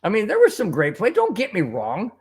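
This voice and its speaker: A man talks casually to his viewers as host of a sports fan show. His voice sits slightly high and moves a lot, rising and falling as he asks question after rhetorical question. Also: brisk, husky. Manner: animated, rhetorical questions, frustrated.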